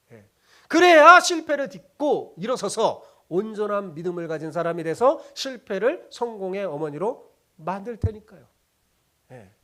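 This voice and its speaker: A man's voice: sits high, bright, forceful tone. A middle-aged man from South Korea, a pastor preaching a sermon with rhetorical questions and acted-out quotes.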